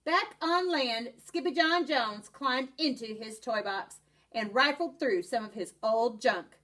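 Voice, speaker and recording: A woman, a first-grade teacher, reading a picture book aloud in an expressive, animated way. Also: on the high side, unhurried.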